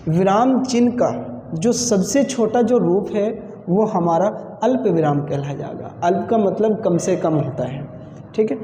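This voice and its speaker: A man teaching an exam-prep grammar lesson, explaining slowly and repeating key points with pauses. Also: high-pitched, dark tone. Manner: slow, repetitive explaining with pauses. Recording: echoey room with long reverb.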